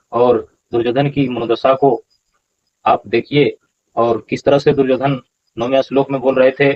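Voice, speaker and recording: A man's voice: mid-range voice, highs cut off. Man teaching scripture pronunciation patiently. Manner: slow, repeats pronunciations syllable by syllable. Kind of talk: explanatory lesson.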